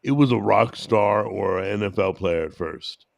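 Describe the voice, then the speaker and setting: A man with a low, gravelly voice talks in casual podcast chat, joking and sarcastic. His voice sits close to the mic in a dry room with no echo. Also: normal speed. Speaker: podcast co-host.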